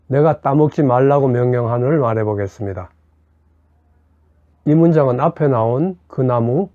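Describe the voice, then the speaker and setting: A man teaches English in a slow, deliberate way, spelling out grammar and repeating phrases so listeners can shadow him. His voice is dark and mellow, and the recording sounds dry and a little dull. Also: medium pitch, no room sound. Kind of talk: explaining grammar and leading repetition drills.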